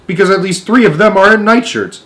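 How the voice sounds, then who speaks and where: A man voicing an excitable male astronaut in a storybook, bewildered and urgent, stammering in disbelief. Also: sits high, fairly quick, voice pushed up. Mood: bewildered, insistent.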